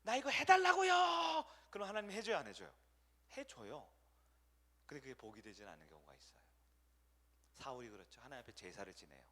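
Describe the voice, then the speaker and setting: A man's voice: lowish voice, big pitch swings, quick pace, long pauses, a bit bright, slight background noise. A middle-aged man preaching a sermon as a pastor. He keeps asking the congregation questions, answers them himself, and acts out short voices.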